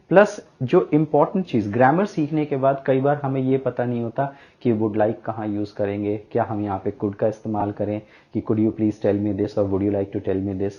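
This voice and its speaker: A man's voice: fairly low pitch, mellow. Man, teacher, Hindi-mix, explanatory, muffled lo-fi sound. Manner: explanatory, with frequent "uh" fillers. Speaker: English teacher. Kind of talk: bilingual Hindi-English lesson. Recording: dull lo-fi audio.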